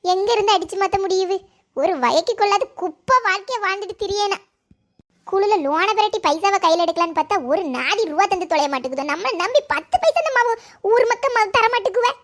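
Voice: extremely high pitch, animated, fairly quick, a bit bright, full character voice. A voice actor playing a moody young village woman who scolds and grumbles, with a Kanyakumari Tamil accent. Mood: self-pitying. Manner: grumbling, scolding and self-pitying.

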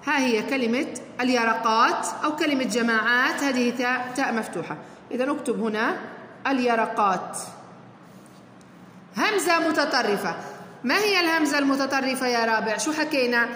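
A female teacher walks her fourth-grade pupils through a worksheet step by step, offering encouragement as she goes. Her voice is high and a bit bright. The room is echoey with long reverb and faint noise.

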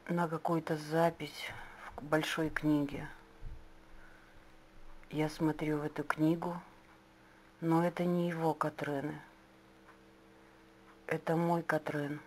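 Slow flat-voiced woman on a dictaphone. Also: deep voice. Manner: halting, broken into short phrases. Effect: dictaphone recording. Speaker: clairvoyant describing visions. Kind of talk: dictated monologue. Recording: dictaphone with faint hiss.

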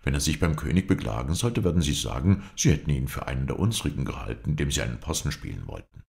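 A man's voice: very deep voice, sing-song, quick pace, gravelly, a little mellow, exaggerated voice. A man voicing a young sculptor, a jilted lover speaking in bitter, proud accusations. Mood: tender.

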